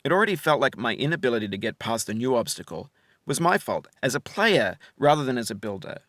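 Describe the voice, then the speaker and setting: A game developer narrates his own game in a reflective, essay-like reading that is measured and articulate. His mid-range pitch varies in a lively way, and the recording is very dry, with no room sound or echo.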